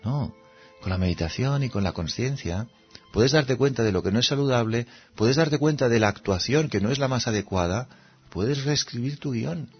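Husky-voiced man from teaching meditation. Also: mid-range voice, expressive, moderate pace, dull audio, faint music behind. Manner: conversational, asks rhetorical questions, acts out little scenes. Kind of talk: reflective spiritual talk.

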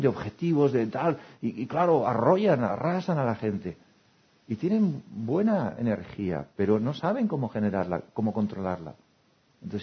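A man giving a gentle talk as a meditation teacher, then guiding a meditation. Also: mid-range voice, slightly rough, muffled recording. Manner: gentle, acts out everyday voices with laughter.

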